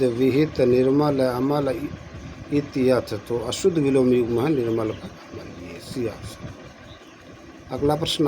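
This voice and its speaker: A man at a middle pitch talks through exam questions as a tutor. He reads each option aloud and says the answer again and again. Faint noise hums behind him. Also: darkish tone, rough recording.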